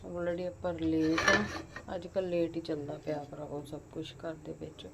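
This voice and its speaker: A woman with a Punjabi accent and a fairly low voice narrates her day in a casual, chatty vlog style. She often talks half to herself as she keeps busy, and the homemade recording is very noisy. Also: level tone, moderate pace, gravelly. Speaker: home vlogger. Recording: noisy handheld home-video sound.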